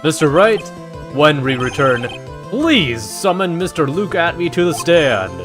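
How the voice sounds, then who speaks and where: A man's voice: on the high side, big pitch swings, measured pace. A man reading aloud the lines of a stern older male courtroom judge while playing, over game music. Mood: formal. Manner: reads judge lines aloud, adds a joking Canadian "eh".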